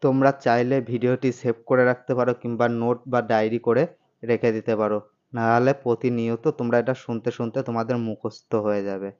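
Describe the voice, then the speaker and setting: A man teaching a language lesson, slowly repeating each word several times for learners to copy. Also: medium pitch, flat delivery, a little mellow, muffled recording. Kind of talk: slow repetitive pronunciation lesson.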